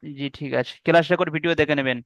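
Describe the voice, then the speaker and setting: A man teaching Arabic letter reading in an online video-call class, sounding out each letter slowly and then explaining the rules. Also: fairly high pitch, steady tone, no room sound, dull audio. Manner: slow drawn-out drilling of letter sounds.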